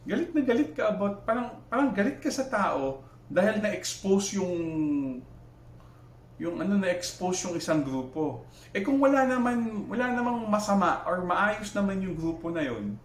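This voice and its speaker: A man's voice: high-pitched, sing-song, normal speed, reverberant. A man with a Filipino accent giving heated reaction commentary, switching between Tagalog and English, firing rhetorical questions and restarting his sentences. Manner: argumentative, Taglish, rhetorical questions, many restarts. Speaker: vlogger reacting to another creator.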